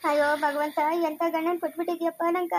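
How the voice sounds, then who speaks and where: Woman plays a miserable rural wife, wails her complaints; dialect, high voice. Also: little pitch movement, fast talker. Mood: lamenting. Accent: Kannada, Chikkaballapur rural dialect. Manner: lamenting, tearful. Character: wailing unhappy village wife.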